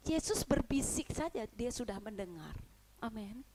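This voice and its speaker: A woman with a high voice preaches a Sunday sermon in church. She puts questions straight to the congregation. She often lowers her voice to a soft, near whisper. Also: very animated, moderate pace, noisy background.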